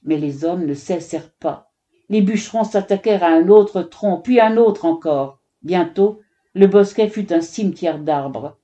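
Mellow-voiced woman narrating a storybook. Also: lowish voice, measured pace. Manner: expressive, voices every character.

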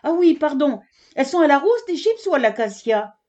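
A woman's voice: sits high, sing-song, normal speed, a little mellow, highs cut off, voice pushed up. A woman voicing a curious, cheeky little girl giraffe in a children's storybook. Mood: chirpy. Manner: chirpy, full of questions.

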